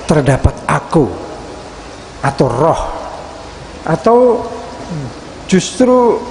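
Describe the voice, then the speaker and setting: A man's voice: fairly high pitch, darkish tone. A man moderating a religious discussion, summarizing questions for the speaker in a friendly way. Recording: echoey room with clear background hiss.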